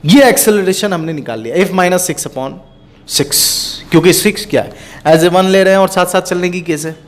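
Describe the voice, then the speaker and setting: An Indian man with a high voice teaches physics for an exam-prep class at a moderate pace. He keeps asking questions and answering them himself, mixing English terms into his Hindi.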